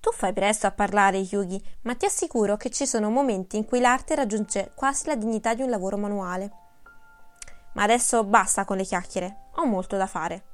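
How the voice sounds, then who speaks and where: A woman voicing a lively, brusque male painter who speaks emphatically and a little grandly, in an audiobook reading. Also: mid-range voice, normal speed, soft background music, close to an everyday voice. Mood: brusque teasing.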